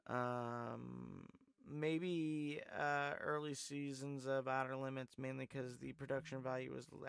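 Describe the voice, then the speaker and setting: Reading viewers' comments aloud, a call-in show host rambles through a casual live stream with heavy use of fillers. He has a medium pitch with vocal fry and a clear, resonant tone. No room sound is audible.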